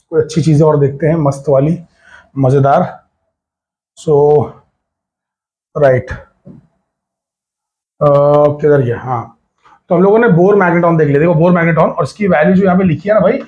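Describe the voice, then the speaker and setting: A man's voice: fairly high pitch, darkish tone, highs cut off. Chatty man teaching physics. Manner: chatty, repeats key words, mixes English in. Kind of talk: casual board exam lecture.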